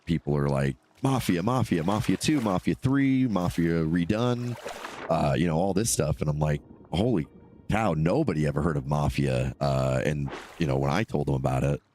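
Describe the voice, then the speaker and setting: A man streams while playing, chatting loosely with viewers, jumping between topics and reacting to chat, his nose blocked by a cold. His pitch is extremely low and darkish, the pace moderate, and there's slight background noise.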